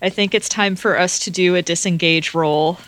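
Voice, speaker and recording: A woman player in a casual tabletop game chat, unhurried and thinking aloud. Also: fairly low pitch, steady tone, a bit bright, dry recording.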